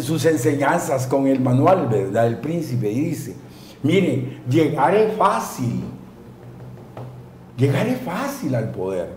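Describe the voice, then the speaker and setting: A man's voice: a little high, darkish tone, reverberant, slight background noise. A man explains political theory in a professorial way on a studio talk show, often ending with tag questions. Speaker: political analyst.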